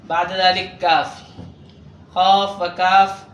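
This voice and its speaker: A man teaching a recorded language lesson, slowly repeating each word several times. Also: high voice, little pitch movement, a bit bright, muffled recording. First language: Urdu. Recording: echoey room with faint noise.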